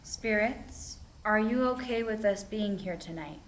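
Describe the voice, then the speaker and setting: A woman in her twenties, a ghost-hunt team member, calmly asking questions of spirits inside a large old building. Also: mid-range voice, measured pace. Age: 20s. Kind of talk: calling out to spirits. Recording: echoey room, distant mic, steady noise.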